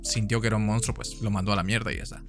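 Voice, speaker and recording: A man's voice: fairly low pitch, fairly even intonation, rapid-fire, faint music behind. A man with a Buenos Aires accent co-hosting a podcast in casual chat, rambling with many restarts. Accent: Argentine, Buenos Aires. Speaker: podcast co-host.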